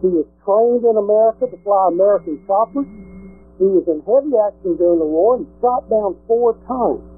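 High-pitched husky male radio host. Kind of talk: radio interview hosting. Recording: muffled lo-fi radio audio.

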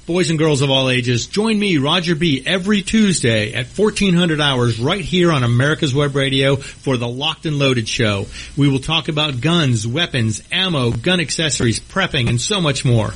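A man's voice: medium pitch, a bit bright, a little hiss or hum, poor audio. A man hosting a radio show, reading a scripted promo in the manner of a ringmaster announcing to all. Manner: ringmaster-style showman announcing.

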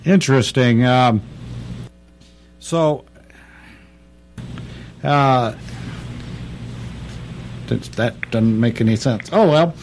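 A man interviewing over a remote connection whose audio keeps cutting out and clipping off his words, asking rambling, halting questions. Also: medium pitch, a little mellow, soft background music. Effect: choppy audio cutting out, words clipped off.

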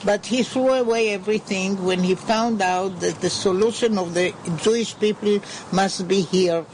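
An older woman from Israel, an interview guest recalling her family history in halting English, searching for words. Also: mid-range voice, darkish tone, a little hiss or hum. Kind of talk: unscripted recollection.

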